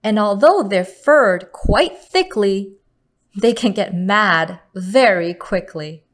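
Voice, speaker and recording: A woman storyteller with a medium-pitched voice reads a picture book aloud to children, deliberate and expressive in her delivery.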